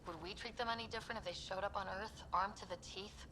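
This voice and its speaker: A woman's voice: mid-range voice, steady tone, fast, natural voice. A woman playing a level-headed, resolute recon specialist in a sci-fi video game, composed and purposeful. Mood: sober. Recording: noisy game battle ambience behind voice.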